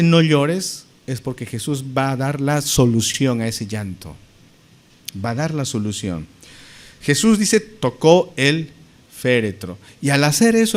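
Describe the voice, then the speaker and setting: A male pastor preaching a sermon, emphatic and fond of rhetorical questions to the congregation, whom he calls brothers. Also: medium pitch. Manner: addresses listeners as brothers.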